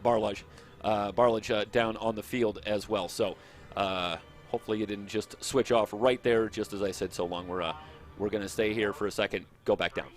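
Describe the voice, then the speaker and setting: A man hosting a live sports broadcast, ad-libbing his sign-off in a halting way. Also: lowish voice, fairly even intonation, faint music behind. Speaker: play-by-play broadcast host.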